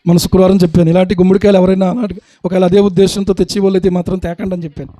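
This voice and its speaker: A man's voice: high voice, level tone, racing, dark tone, no room sound. A male pastor preaching a sermon, asking the congregation rhetorical questions and acting out short scenes. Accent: Telugu.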